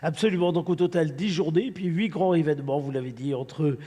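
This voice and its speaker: A man hosting a live morning interview show, hoarse from a head cold. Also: on the high side, fairly quick, dark tone. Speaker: host. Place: large studio set in a big hall. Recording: large hall with long reverb.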